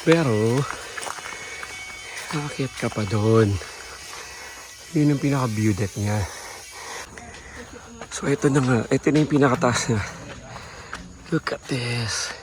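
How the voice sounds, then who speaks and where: A man walks and talks through a travel vlog on a rural island, calling out to his viewers as he points at the sights. His delivery is slow and easygoing. Crickets and passing vehicles are clearly heard around him outdoors. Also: mid-range voice, background noise. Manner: chatty, talks straight to viewers as "guys", points things out as he goes. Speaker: travel vlogger. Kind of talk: casual travel vlog narration.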